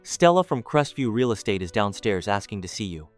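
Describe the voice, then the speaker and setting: Young grandson voiced by a male narrator, urgent, hurried, animated pitch, audiobook. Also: faint music behind.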